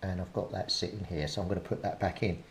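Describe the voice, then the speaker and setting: With a low, fairly even voice and a quick pace, a British man narrates a radio repair informally, pausing now and then to think. The video's audio is plainly noisy and punctuated by clicks.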